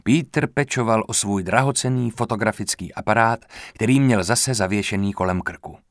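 A man narrating an audiobook in a calm, even storytelling manner, recorded on a close studio mic. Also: fairly low pitch, dry recording.

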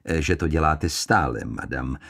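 A man voicing a cautious, hesitant male detective, pausing with little "eh" sounds. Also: extremely low pitch, vocal fry, fairly bright tone, pitched below the performer's own voice, heavily acted.

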